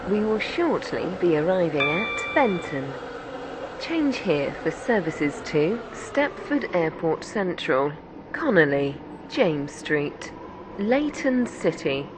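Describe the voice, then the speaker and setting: A woman performs a formal onboard train announcer in a railway game. She gives scripted station announcements slowly, with lively intonation in her measured delivery. Clear train noise runs behind her. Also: lowish voice. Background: train vehicle ambience in a simulator game.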